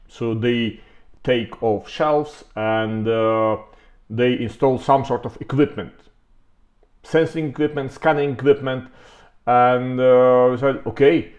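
A company representative presents products in a conversational talk from his webcam. His voice is medium-pitched and darkish, the recording muffled, and he often stops to rephrase and repeats words for emphasis.

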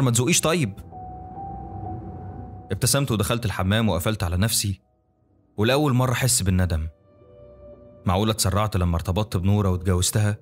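Casting note: Egyptian man, horror story narrator, very rapid delivery, music bed behind. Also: lowish voice. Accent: Egyptian Arabic. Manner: rapid, colloquial, conversational. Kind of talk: dramatic first-person story narration.

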